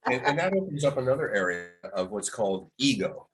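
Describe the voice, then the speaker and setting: A man's voice: medium pitch, big pitch swings, fairly quick, husky, low-quality recording. A middle-aged man, a veteran radio broadcaster, giving advice in an interview and telling stories with quoted voices. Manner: storytelling, acts out quoted voices. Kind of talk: reflective interview talk.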